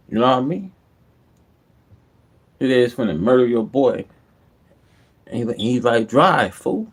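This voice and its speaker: A man hosts a live stream and reacts to a clip in casual slang. He repeats himself and keeps dropping "man" at the ends of his lines. His voice sits at an ordinary middle pitch. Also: dark tone. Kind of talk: reaction commentary.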